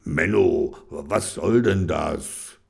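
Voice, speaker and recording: A man voicing a grumpy, easily annoyed young boy in a storybook, with a gruff grumbling manner. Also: deep voice, animated, a little slow, exaggerated voice.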